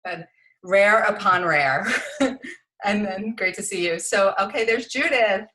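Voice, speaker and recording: Bright-voiced woman hosting a video call. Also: mid-range voice, unhurried. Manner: upbeat, brief acknowledgements. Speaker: meeting host.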